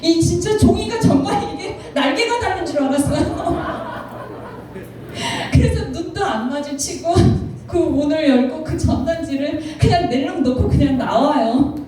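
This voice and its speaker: A woman around fifty giving an emotional personal testimony to an audience, talking in an animated way and often laughing as she speaks. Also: sits high, moderate pace. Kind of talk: storytelling talk to an audience with slides. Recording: very echoey hall, picked up from a distance, faint noise.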